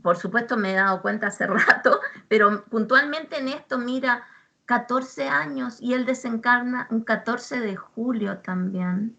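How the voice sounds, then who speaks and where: A woman's voice: fairly high pitch, unhurried, gravelly, pushed and bright. A woman hosting a casual chat and asking reflective questions. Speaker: host.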